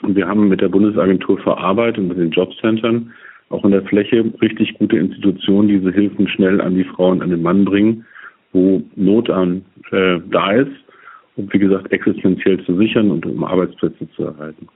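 A man, a politician guest, explaining steadily with frequent fillers in a remote podcast interview heard over a low-quality phone line. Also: steady tone, a little fast, slightly rough. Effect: low-quality phone-line sound.

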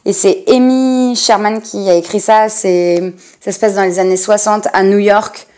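A woman's voice: mid-range voice, steady tone, a little slow, mellow. A young woman hosting her own podcast, talking casually and rambling with many fillers and restarts. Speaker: podcast host. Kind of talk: casual personal podcast monologue.

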